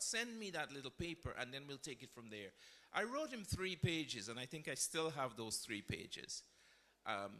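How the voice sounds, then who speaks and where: Bright-voiced Guyanese man recounting his diplomatic past. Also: fairly high pitch. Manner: reflective, storytelling, self-correcting. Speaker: panelist, former diplomat. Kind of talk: panel discussion.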